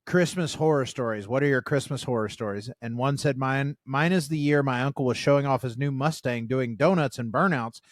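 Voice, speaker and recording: A man's voice: mid-range voice, fairly quick, few pauses, no echo. A man co-hosting a casual podcast, reading posts aloud and rambling between laughs. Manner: rambling, laughs often, lively storyteller. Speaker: podcast co-host.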